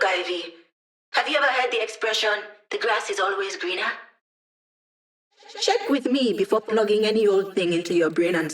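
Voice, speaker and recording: With a medium-pitched, lightly acted voice, a woman plays a cheerful, sardonic hacker backing up a squad on a video game mission. Her delivery is casual, playful and teasing.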